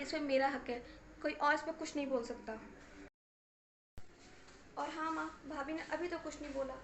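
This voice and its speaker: High-pitched, woman voicing a married daughter scolding her mother, emphatic, repetitive, family story, echoey room. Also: a bit bright, a little hiss or hum. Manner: reproachful, emphatic, repeating herself.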